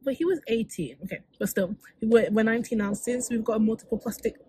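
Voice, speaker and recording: A woman's voice: fairly high pitch, quick pace, warm tone, husky, no room sound. A woman co-hosting a casual chat, speaking frankly, full of "like" and "mm-hmm", sometimes reading out listener questions. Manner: frank, frequent "like" and "mm-hmm" backchannels. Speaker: co-host.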